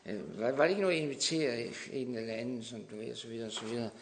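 A man preaching a charismatic revival sermon, dropping to hushed asides and rising to loud, fervent exclamations while checking in with his congregation. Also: medium pitch, slight background noise. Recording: long hall reverb.

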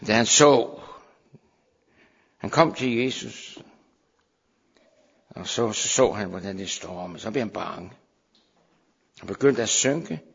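A man preaching a sermon, moving between hushed, slow pleading and raised, urgent calls to his listeners. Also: fairly low pitch, vocal fry, slightly rough. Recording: dull sound with long hall reverb.

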